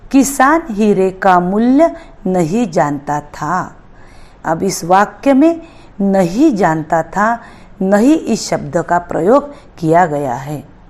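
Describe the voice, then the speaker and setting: A woman's voice: medium pitch, darkish tone. A woman teaching a grammar lesson, explaining step by step and reading out example sentences. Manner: slow, careful, step-by-step explanation.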